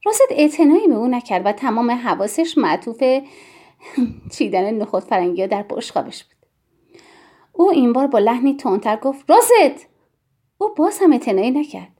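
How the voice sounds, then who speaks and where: A woman reading a novel aloud in the first person, in a measured and expressive way. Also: a little high, husky. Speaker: audiobook narrator. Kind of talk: scripted first-person story narration.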